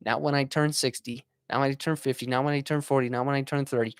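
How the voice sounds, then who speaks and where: A man in his twenties talks quickly as a podcast host, with a medium pitch, fairly even intonation, and a clean tone. His casual monologue is earnest and motivational, broken by frequent fillers and restarts. The studio sound is clean, with no room sound.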